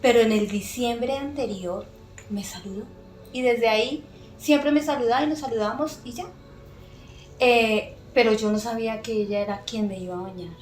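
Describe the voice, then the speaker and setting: A fairly high-voiced middle-aged woman tells a personal faith testimony as a podcast guest. She speaks earnestly and emotionally, with frequent pauses and soft fillers. The room is echoey, and faint music sits behind her.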